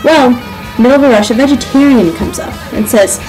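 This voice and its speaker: Female, late teens, fairly high-pitched. Exasperated comic ranter, sarcastic and foul-mouthed, acts out the people she complains about. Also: fairly quick, soft background music, poor audio. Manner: sarcastic, exasperated, frequent swearing; animated, acts out customers' lines. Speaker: sandwich shop worker. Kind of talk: comedic rant to camera.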